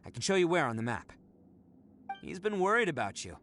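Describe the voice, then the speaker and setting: A man's voice: fairly high pitch, sing-song, a little fast, fairly bright tone, a little hiss or hum. A man voicing a brash, boastful, big-hearted young oni in a video game, with a swaggering, self-satisfied manner. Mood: reassuring.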